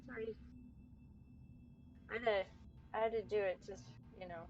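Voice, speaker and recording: A woman's voice: mid-range voice, fairly even intonation, moderate pace, darkish tone. A woman chatting casually as a player in a tabletop game. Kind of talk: casual chat during a game. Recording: dull lo-fi mic, faint noise.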